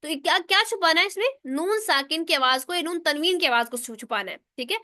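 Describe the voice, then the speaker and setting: Woman tutor with flavored talk, high bright voice, walks through each rule and quizzes herself. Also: lively intonation, brisk, no echo, clean studio sound. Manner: explains step by step, asks and answers her own questions. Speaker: Quran recitation teacher. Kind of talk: online tajweed lesson.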